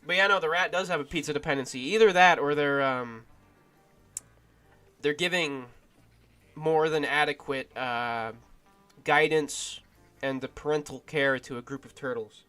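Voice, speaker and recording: Bright goofy gaming streamer, man. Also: a little high, unhurried, long pauses, smooth, faint music behind. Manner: goofy, rambling, bursts of shouting. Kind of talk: casual gaming commentary.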